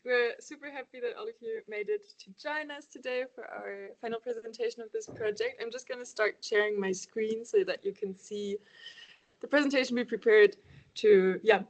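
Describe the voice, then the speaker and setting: Presenting a project on a video call, a German woman speaks at a moderate pace in a voice on the high side with a steady tone. She comes across as hesitant, laughing lightly and using plenty of ums and yeahs.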